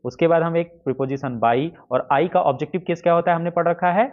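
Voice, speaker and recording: A man's voice: fairly high pitch, quick pace. A man teaching an exam-prep grammar lesson, explaining step by step and repeating his own questions as he writes out the examples. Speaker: English teacher. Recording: dull lo-fi lesson recording.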